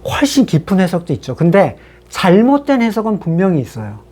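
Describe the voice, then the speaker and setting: Lively conversational Korean-church pastor preaching. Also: mid-range voice, fairly quick, slightly rough. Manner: conversational, asks the congregation rhetorical questions; reads scripture aloud and then explains it plainly. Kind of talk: sermon.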